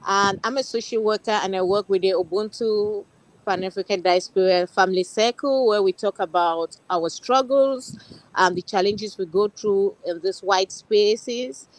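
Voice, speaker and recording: A woman's voice: mid-range voice, moderate pace, no room sound, rough recording. A woman from Cameroon, a social worker and guest on an online panel, speaking earnestly and steadily with frequent restarts.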